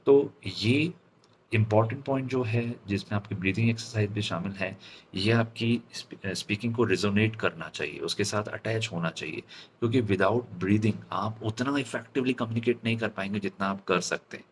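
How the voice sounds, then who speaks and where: This fairly low-voiced man with an Indian accent coaches public speaking, here teaching about voice modulation. Short tag questions keep popping up as he works through deliberate, halting phrases over faint background noise.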